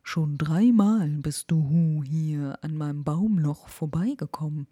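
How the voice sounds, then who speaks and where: A woman voicing a wise old male owl in a whispered role-play, talking slowly and hooting between words. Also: deep voice, dark tone, breathy edge. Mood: drowsy, knowing.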